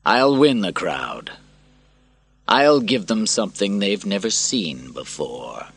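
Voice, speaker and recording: A man's voice: extremely low pitch, a little slow, vocal fry, a bit bright, husky, no echo, full character voice. A man voicing a determined gladiator who speaks steadily and earnestly. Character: male gladiator, determined and resolute.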